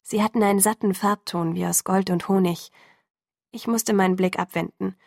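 Woman narrating an audiobook, gravelly voice. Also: mid-range voice, steady tone, normal speed, a little mellow, no echo, clean studio sound. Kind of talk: first-person audiobook narration.

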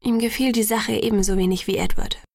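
A woman reading a first-person story aloud as an audiobook narrator, in a measured storytelling manner. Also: fairly high pitch, steady tone, a little mellow, no room sound, clean studio sound. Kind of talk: scripted narration.

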